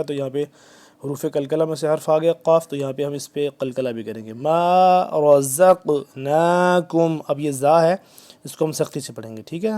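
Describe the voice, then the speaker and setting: A man teaching a Quran recitation lesson, drawn-out chanted phrases mixed with quick explanations, patiently repeating letters to drill them. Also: fairly high pitch, mellow. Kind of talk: tajweed lesson, slow recitation between fast explanation.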